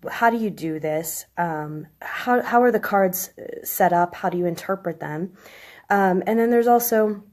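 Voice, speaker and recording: A woman in her thirties with a chest cold, hoarse with a smoker's rasp, giving a halting, informal explanation on a live stream. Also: mid-range voice, darkish tone. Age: 30s. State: chest cold, coughing and clearing throat. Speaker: live stream host, tarot reader. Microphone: phone.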